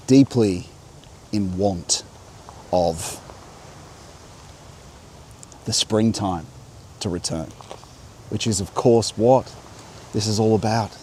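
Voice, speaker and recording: A man hosting a reflective spiritual vlog, speaking slowly and meditatively with soft laughs while outdoors in a coastal national park. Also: on the low side, a little hiss or hum. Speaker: host. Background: crickets and insects.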